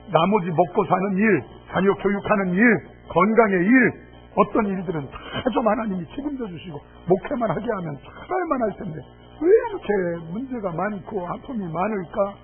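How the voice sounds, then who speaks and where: A man preaching as pastor, impassioned and pleading at times, soft and wry at others. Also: high voice, animated, normal speed. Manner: impassioned, swinging from loud pleading to soft asides; wry humor. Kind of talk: sermon. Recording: tinny phone-like audio with faint music.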